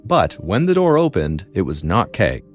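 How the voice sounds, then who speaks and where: A man hosting a podcast, telling a true crime story in a measured, dramatic way with pauses. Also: sits low, wildly swooping pitch, faint music behind. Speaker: podcast host and narrator.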